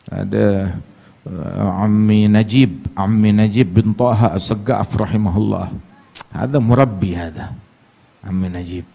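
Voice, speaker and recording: A man preaching a sermon. He talks emphatically, leaps up in pitch to mock, and slows right down to recite Arabic sayings. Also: creaky, mellow. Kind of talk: religious sermon.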